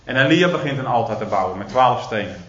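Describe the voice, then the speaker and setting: A man's voice: medium pitch, fast. Male preacher, sermon storytelling, dramatic emphasis, echoey church hall, dull lo-fi sound. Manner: animated storytelling, dramatic emphasis, hesitant fillers. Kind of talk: sermon retelling a Bible story. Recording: roomy, dull recording.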